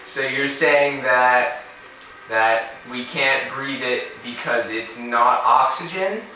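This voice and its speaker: A man's voice: medium pitch, slow pace, bright, forceful tone, slight background noise. A man casually asking probing follow-up questions as host. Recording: echoey room, voice from a distance.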